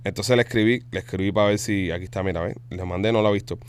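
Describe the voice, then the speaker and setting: A man hosting a podcast, telling stories in quick, animated casual chat full of slang. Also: on the low side. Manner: rapid, animated storytelling with Spanish slang. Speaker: podcast host.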